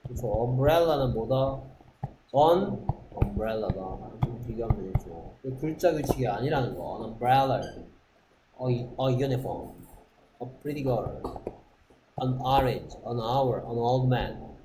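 A man teaching an English class, drilling pronunciation and quizzing students with quick rhetorical questions. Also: medium pitch, expressive. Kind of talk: classroom lecture. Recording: echoey classroom, faint noise.

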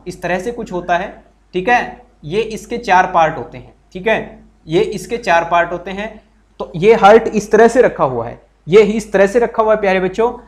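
A high-voiced man runs a live online exam-prep class. He is chatty and encouraging, repeats every point and keeps asking his students questions. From Haryana, India. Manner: greets viewers and reads their comments aloud. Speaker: teacher.

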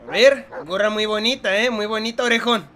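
A young man with a Mexican accent, commenting on a horror game in a joking, profane, excitable way. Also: high voice, fairly quick, slight background noise. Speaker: gaming youtuber.

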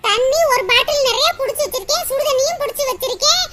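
A woman's voice: extremely high pitch, fast. A woman voicing a kind, motherly neighbor woman in a cartoon, talking in a soothing, reassuring, chatty way. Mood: caring. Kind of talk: cartoon voice acting. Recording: loud background noise.

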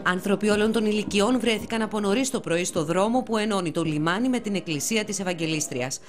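A woman narrating a news report calmly and formally. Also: mid-range voice. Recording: loud music bed.

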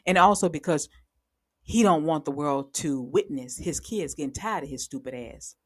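A woman giving blunt, sarcastic, heavily profane commentary on reality TV gossip, speaking with sudden animated outbursts. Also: sits low, normal speed. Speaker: commentary vlogger.

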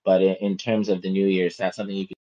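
Low-voiced man asking hedged questions. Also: level tone, mellow. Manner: measured, hedging questions with "kinda" and "maybe". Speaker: chat room moderator asking questions. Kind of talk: casual audio chat room questioning. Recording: dull lo-fi audio.

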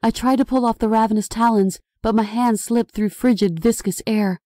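A woman narrating her own horror novel with a mellow, relaxed tone and a dramatic, expressive delivery. The recording is close and dry, with no room sound. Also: fairly high pitch, moderate pace, dry recording. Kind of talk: scripted audiobook narration.

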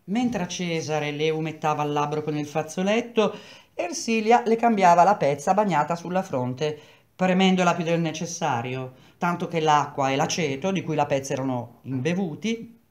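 A woman reading a novel aloud in a calm, even storytelling manner. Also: low voice, normal speed. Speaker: reader of a novel.

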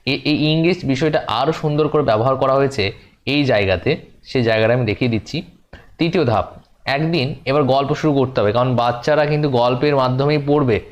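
A man giving an explanatory lesson, talking to the viewer as if to a student. He circles back over his points and sometimes slips into a sing-song storyteller's voice for children. His pitch sits in the middle range. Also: muffled recording. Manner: chatty, talks to the viewer as "you", repeats points. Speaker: teacher-exam coach.

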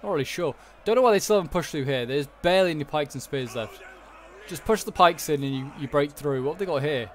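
Watching a strategy game fight, a male gaming commentator thinks out loud in a slightly high, animated voice at a quick clip. There's noticeable background noise from the game's battle ambience.

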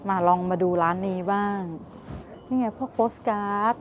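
At a medium pitch and normal speed, a woman in her thirties tastes snacks and browses a market while chatting with viewers. The travel vlogger comments casually throughout her food and market vlog. She holds the camera at arm's length outdoors, and the recording is muffled with street noise.

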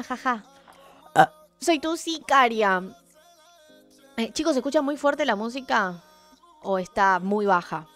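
A young woman with an Argentine accent, chatting casually on a livestream, rambling, joking and poking fun at herself in slangy talk. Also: medium pitch. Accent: Argentine Spanish. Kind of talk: casual live-stream chat. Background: faint music.

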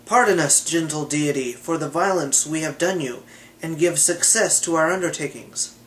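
A man reads an old myth aloud in a steady, measured way. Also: fairly high pitch, low-quality recording. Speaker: reader.

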